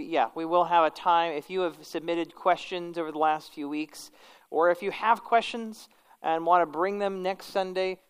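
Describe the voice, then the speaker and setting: A woman pastor with a low, clear, resonant voice teaches an informal church class in a kindly, conversational way. She corrects herself as she goes, in a mix of casual religious lecture and prayer.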